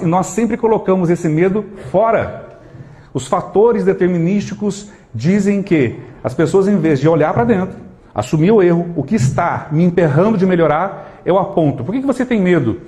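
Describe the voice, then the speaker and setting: A Brazilian man speaks to a live audience in a motivational talk, with a fairly high voice for a man. He keeps throwing rhetorical questions at the room and acts out small everyday scenes with lively energy. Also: normal speed. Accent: Brazilian Portuguese.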